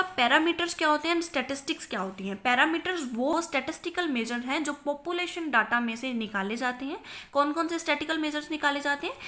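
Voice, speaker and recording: A young woman with an Indian accent lectures as a commerce teacher in a high, bright voice. She poses questions to her viewers and answers them herself, repeating key terms. She slips English technical words into her Hindi explanations. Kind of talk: recorded lecture.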